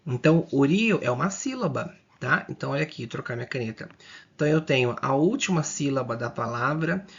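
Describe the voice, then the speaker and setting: Gravelly husky male teacher, lo-fi sound. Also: mid-range voice, lively intonation. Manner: explains slowly and repeats, drawing out words, checking in often. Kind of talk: exam-prep grammar lesson.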